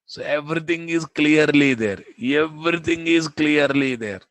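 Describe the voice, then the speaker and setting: A fairly high-pitched man with a Telugu Indian accent teaches a live programming class at a moderate pace, his voice a bit bright and free of echo. He banters informally with his students and repeats phrases and questions for emphasis.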